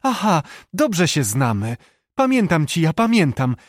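A man's voice: fairly high pitch, sing-song, measured pace, no room sound, studio quality, pitched above the performer's own voice. A man reading an audiobook, voicing a bold, cheerful young peasant girl who hunts. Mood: teasing. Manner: cheerful, teasing, girlish.

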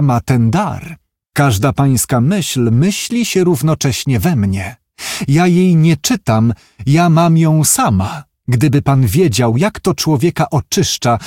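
A man voicing a pious young woman who reads minds, speaking softly, sweetly and slowly in a raised voice. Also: on the high side, no echo, studio quality, pitched above the performer's own voice. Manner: soft, sweet and unhurried. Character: pious young woman, gentle, mind-reading.

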